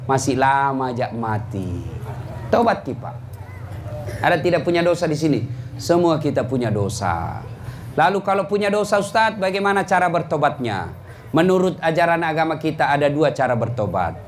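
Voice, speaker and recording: High-voiced preacher, animated. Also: male voice, slight background noise. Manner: animated storytelling with sudden high-pitched punchlines. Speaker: Islamic preacher. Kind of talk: comedic sermon to a congregation.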